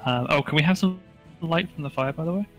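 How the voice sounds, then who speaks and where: Halting man playing a tabletop game. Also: fairly high pitch, a bit bright, soft background music, rough recording. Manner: halting, full of fillers, chuckling. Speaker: player. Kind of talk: casual game chat.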